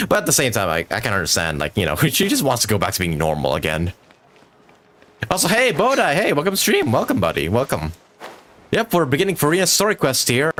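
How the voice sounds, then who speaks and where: A game streamer with a fairly low, slightly bright voice gives casual live commentary over game music. He's chatty and rambling, chuckles often, and says "like" a lot.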